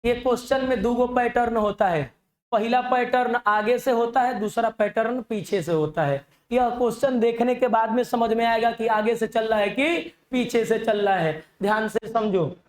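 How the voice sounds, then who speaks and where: A man with a Bhojpuri-inflected Bihari accent teaching a live online reasoning class, animated and now and then shouting, calling his students "babu". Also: very high voice, normal speed, reverberant. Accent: Bhojpuri-inflected Hindi, Bihar.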